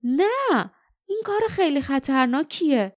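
A woman's voice: on the high side, expressive, darkish tone, no room sound, clean studio sound, lightly acted. A woman voicing an impatient, wild young girl in an audiobook, speaking insistently.

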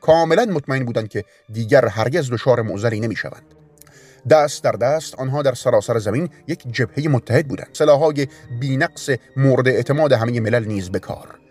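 A man reading a story aloud in a calm, measured way. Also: mid-range voice, husky. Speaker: narrator. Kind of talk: audiobook narration. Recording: narration with faint music bed.

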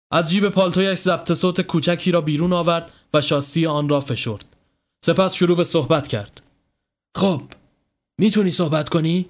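A male narrator reads a horror story in a steady, dramatic storytelling voice. His pitch sits a little high for a man. Soft music plays underneath. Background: faint music.

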